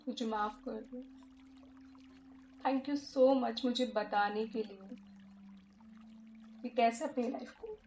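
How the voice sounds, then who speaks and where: A woman teacher guiding an inner-child healing meditation in a soft, emotive way that often drops to a hush. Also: fairly high pitch, slight background noise. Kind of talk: guided meditation.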